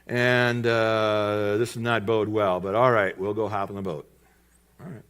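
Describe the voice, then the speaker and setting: A male pastor preaching a sermon in church, telling a story with lively delivery and acted-out quotes. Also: lowish voice, unhurried, clear, resonant tone. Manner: lively storytelling, acting out voices in quoted lines.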